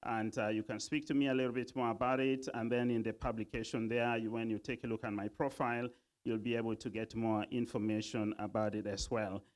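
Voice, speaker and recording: A man's voice: on the low side, little pitch movement, a little fast. Hesitant man giving a convention speech. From Uganda. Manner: hesitant, many fillers. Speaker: convention speaker. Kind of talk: formal event speech.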